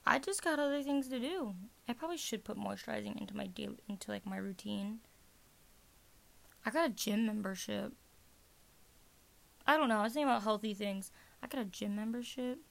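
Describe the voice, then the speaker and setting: A woman's voice: medium pitch, a little fast, vocal fry, long pauses. A teenage girl hosting a casual rambling podcast, chatty and self-mocking, jumping between topics. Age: teens. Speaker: podcast host.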